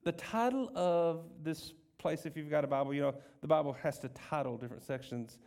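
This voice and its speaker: A man's voice: fairly high pitch, fairly quick, creaky, darkish tone. A middle-aged male pastor preaching a casual, conversational sermon, telling stories with jokey asides and asking the congregation questions.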